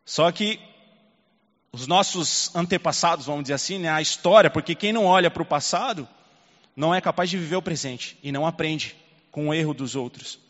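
A man preaching as a pastor, telling a family story from the pulpit in a fairly high voice. He drops to near-hushed lines and then swells loud again. The sound is dull and lo-fi, with a long hall reverb trailing each phrase. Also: normal speed. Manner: dramatic swings between hushed and loud. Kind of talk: sermon with personal storytelling.

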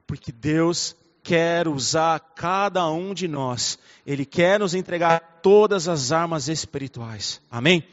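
High-voiced preacher in a reverberant hall. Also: male voice, takes it slowly, few pauses. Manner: fervent preaching, swinging between soft intimacy and loud fire. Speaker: pastor. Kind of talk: sermon. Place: church hall. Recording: dull recording in a reverberant hall.

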